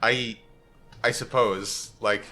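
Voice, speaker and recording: A man co-hosting a game session in casual chat, often restarting his phrases haltingly. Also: on the low side, fairly even intonation, bright, forceful tone, faint music behind. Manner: halting, repeats phrase openings. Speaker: let's play co-host watching and commenting.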